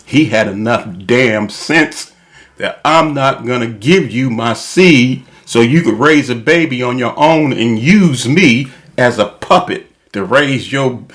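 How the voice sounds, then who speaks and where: A man delivering an opinion monologue as a channel host, emphatic and repetitive, spelling his points out deliberately. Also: medium pitch.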